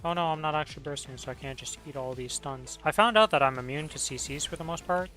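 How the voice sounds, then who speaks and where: Guy streaming games, bright clear voice, rambling slangy chat, music behind him. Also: a little high, quick pace. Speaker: game streamer. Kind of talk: casual gaming chat.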